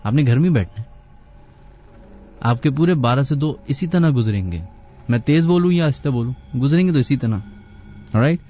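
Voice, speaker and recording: A man hosting a late-night radio show, talking slowly and deliberately and chatting as he reads out listeners' names. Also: mid-range voice, warm tone. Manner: unhurried, deliberately slow talker. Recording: slightly dull radio studio audio.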